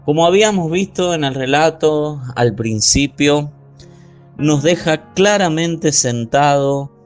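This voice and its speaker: A man preaching a sermon as pastor, slowly and deliberately, stretching out key words and reading scripture aloud. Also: medium pitch, clean tone.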